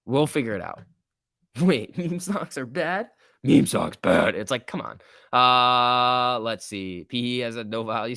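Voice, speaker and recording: A man in his early twenties hosts a casual trading livestream, chatting informally and joking as he reads viewer comments and answers them. His mid-range voice is a bit bright, and the clean studio sound has no room sound.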